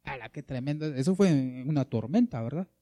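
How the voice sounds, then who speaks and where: A man's voice: medium pitch, expressive, brisk, dark tone. A man preaching a sermon, reading scripture aloud and addressing listeners as brother.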